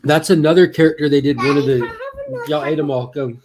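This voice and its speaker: A man's voice: a little high, steady tone, fairly quick, background noise. A man chats casually as a guest on a friend's livestream. He keeps the mood light with teasing jokes and laughs often as he talks. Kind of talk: casual chat.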